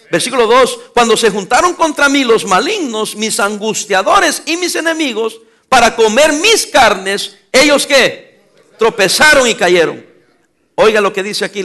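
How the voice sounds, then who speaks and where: Male pastor, high bright voice, emphatic sermon delivery with call-and-response and teasing asides. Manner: emphatic preaching, call-and-response questions to the congregation.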